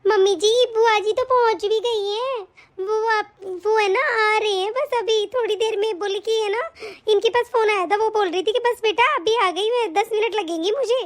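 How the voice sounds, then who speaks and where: A woman voicing a kind, cheerful young daughter-in-law in an animated story, polite and respectful. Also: extremely high pitch, moderate pace.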